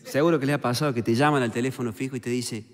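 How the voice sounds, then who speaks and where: A stand-up comedian from Córdoba, Argentina, tells jokes in a chatty Cordobés Spanish accent, sprinkling in little "viste" and "eh" tags. His medium-pitched voice stays fairly even in intonation as he talks rapid-fire, with a long reverb tail.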